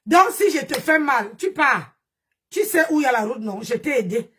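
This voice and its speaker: High-voiced scolding woman streamer. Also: lively intonation, moderate pace, a bit bright. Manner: mocking, scolding, exclaiming. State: nursing a strained voice. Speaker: live streamer. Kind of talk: live-stream gossip rant.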